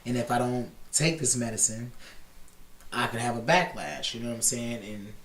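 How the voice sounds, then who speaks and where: A man in his thirties from Chicago, a podcast guest talking candidly in a relaxed interview. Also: mid-range voice, normal speed, reverberant. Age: 30s. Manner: candid and animated, often says "you know what I'm saying". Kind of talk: casual interview talk.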